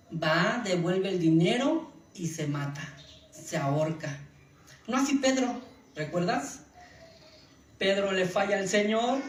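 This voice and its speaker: A male pastor with a high-sitting voice preaches to his congregation in a church hall, using rhetorical questions and acting out short quotes. An echoey room mic picks him up from far off, with faint ambience and slight background noise.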